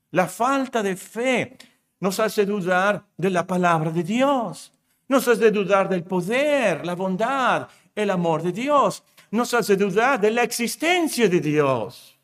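A male pastor delivers a sermon at a slow, deliberate pace. His voice sits high for a man, and he repeats his key words for emphasis, building to near shouts.

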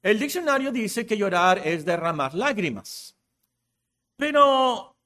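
A man giving a sermon as pastor, explaining slowly with many fillers and restarts and rising in force to stress his points. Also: a little high, a bit bright.

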